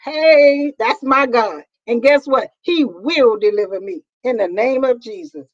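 A woman's voice: on the high side, expressive, unhurried. A woman preaching a fervent sermon, repeating her points and asking the congregation questions. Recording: dull lo-fi recording.

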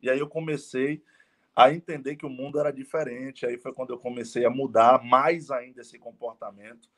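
A man's voice: mid-range voice, little pitch movement, moderate pace, fairly bright tone. A man, a guest telling his life story in a casual live interview and earnestly repeating phrases for emphasis. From Salvador, Bahia, Brazil. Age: 30s. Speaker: guest entrepreneur.

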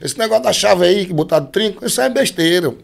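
A male forró singer from Brazil's Northeast, guesting on a podcast, tells backstage stories casually in a high, gravelly, quick voice. Speaking with a Northeastern Brazilian accent, he's animated and imitates the voices of the people he quotes.

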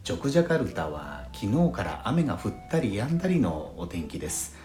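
A man from Fukushima hosting a solo audio podcast, talking in a calm, measured way. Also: on the low side. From Fukushima, Japan. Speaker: podcast host. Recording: roomy sound with faint background music.

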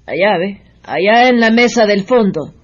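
A woman's voice: medium pitch, lively intonation, moderate pace, slightly rough. An actress playing a woman who runs a bar and coaxes a regular into doing her a favor, in a comic radio drama. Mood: coaxing. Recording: dull lo-fi radio recording.

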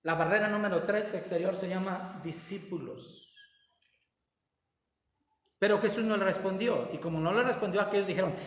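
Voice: mid-range voice, moderate pace, pauses often. Pastor preaching in an echoing church hall. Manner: animated, calls for congregation responses, laughing asides. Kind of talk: Pentecostal-style preaching sermon. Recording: roomy church hall with long reverb.

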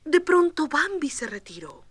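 A woman narrating a children's storybook record, expressive and tender. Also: high-pitched, moderate pace, no room sound.

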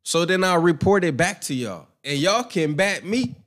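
A brash young man runs a boxing commentary channel and delivers a casual opinion monologue that's rambling, profane and self-assured. His voice sits high with big pitch swings and a slightly bright tone, at a moderate pace.

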